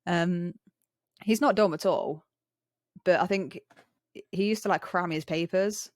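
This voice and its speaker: A young English woman with a rough, chav-style slangy accent, chatting casually and candidly. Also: fairly low pitch, measured pace, darkish tone, dry recording, studio quality. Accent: English, chav-style street slang. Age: young adult. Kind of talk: casual chat.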